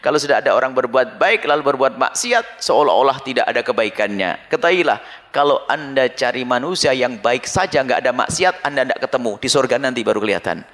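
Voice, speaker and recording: A man preaches in a large hall, his voice bright and ringing and carried by a long reverb. His pitch sits fairly high and swings widely as he makes his points. His delivery is animated. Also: fairly quick. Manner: animated, with sharp leaps in pitch. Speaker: Islamic preacher answering questions. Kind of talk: sermon with audience questions. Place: large hall with a live audience.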